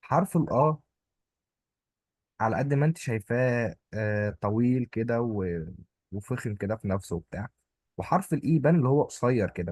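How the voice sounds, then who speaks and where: Brief: Egyptian-accented male tutor, husky, dry close sound, playful and chatty. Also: medium pitch, darkish tone, dry recording. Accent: Egyptian Arabic. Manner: playful, explains with little stories and jokes. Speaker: German language teacher. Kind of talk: informal online lesson.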